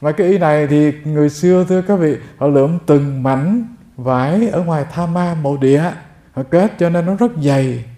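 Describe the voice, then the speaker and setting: In an echoey room, a monk delivers a Dharma talk at normal speed, his fairly high voice warm in tone. He addresses his listeners straight on and weaves in stories as he preaches.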